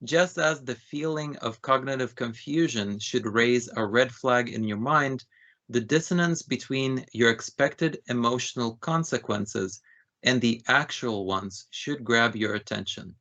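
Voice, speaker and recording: Man, average pitch, podcast co-host, casual explanatory chat. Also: unhurried, sharp tone.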